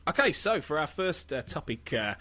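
A man with an English Midlands accent hosting a casual podcast discussion in a hesitant, halting way. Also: on the high side, very animated, loud music behind the voice. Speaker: podcast host.

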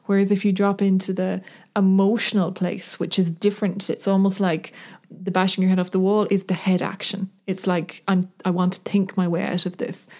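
This woman co-hosts a talk podcast, and her mid-range voice carries a level, darkish tone at a moderate pace. Thoughtful and earnest, she reflects in conversation and searches for the right words as she goes.

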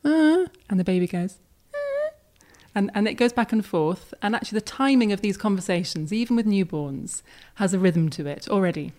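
A woman's voice: medium pitch, brisk, few pauses. A woman child and family psychiatrist, explaining enthusiastically as a podcast guest. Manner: warm, explanatory, enthusiastic about research. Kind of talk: podcast conversation.

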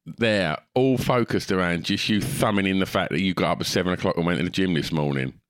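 A man's voice: low-pitched, a little fast, dry recording, clean studio sound. A man with an Essex accent hosting a casual comedy podcast in a blokey, teasing, sweary way. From Essex, England. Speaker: podcast host.

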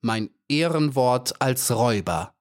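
A man doing a gruff hornet warrior. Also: medium pitch, animated, a little slow, lightly acted. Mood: pleading. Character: proud male hornet guard, rough warrior.

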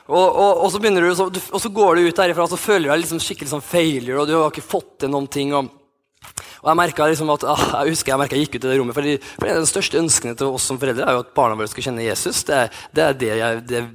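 A man in his thirties, a youth pastor, telling a personal story in a sermon with many restarts and fillers. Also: a little high. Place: church hall.

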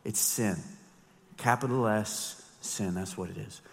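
A man in his thirties, a pastor preaching an animated, joking sermon with emphatic storytelling. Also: fairly low pitch, measured pace, vocal fry, big-room sound. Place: church sanctuary.

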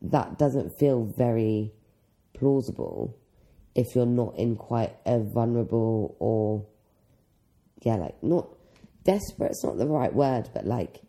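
Very dark, creaky young co-host. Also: medium pitch, lively intonation, slow, low-quality recording. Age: 20s. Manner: thoughtful, hesitant, searching for words. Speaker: podcast co-host. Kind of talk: casual chat.

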